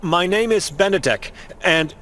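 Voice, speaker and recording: A man's voice: high-pitched, unhurried, a bit bright, slight background noise. A man voicing a young monk in a game who is searching for his sister, polite and earnest as he presses with questions. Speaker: game protagonist.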